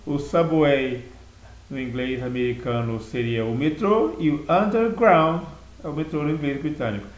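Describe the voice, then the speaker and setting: A man giving a recorded language lesson, explaining vocabulary slowly and repeating words in two languages. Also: a little high, reverberant, rough recording. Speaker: English teacher.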